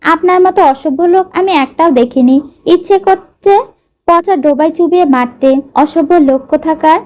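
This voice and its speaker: A woman's voice: extremely high pitch, moderate pace, darkish tone. A woman voicing a spirited young woman who scolds and stands up for her friend, reading a romance story. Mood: angry. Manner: scolding yet caring.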